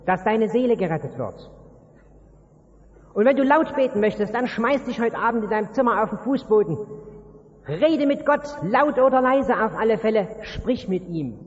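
Guy preaching a sermon, high voice, talks straight to you, long echo in a big hall. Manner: addresses listener directly, emphatic storytelling. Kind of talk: evangelistic sermon. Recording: dull recording with long hall reverb.

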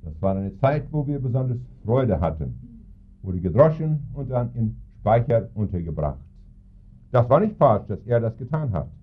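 A middle-aged man preaching a sermon, telling stories with lively, emphatic intonation. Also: mid-range voice, moderate pace. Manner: storytelling, lively intonation with sudden emphatic rises. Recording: tinny phone-like sound.

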